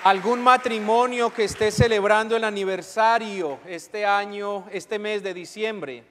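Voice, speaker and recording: A man's voice: high-pitched, unhurried, fairly bright tone, slight background noise. A man, a priest, leading Mass and giving announcements to the congregation, filmed from a far camera in a large church. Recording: long church reverb.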